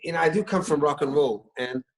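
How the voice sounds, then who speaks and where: Hesitant but warm, this singer-songwriter guest keeps restarting and using fillers as he tells stories over video from his living room. He's a middle-aged man born in Israel who speaks Hebrew natively, and his slightly high voice is fairly quick on a rough recording.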